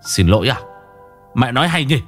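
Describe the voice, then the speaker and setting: A man voicing a bitter, angry young father who talks back fast and heated, with faint music behind. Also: medium pitch, expressive, fairly bright tone, voice pushed up, close to an everyday voice. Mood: bitter anger.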